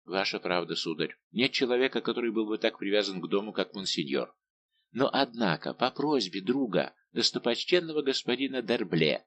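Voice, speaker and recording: A man's voice: on the low side, expressive, moderate pace, fairly bright tone. A man voicing a fat, plaintive old male servant who sighs and laments in deferential tones, in an audiobook. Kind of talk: audiobook character voice.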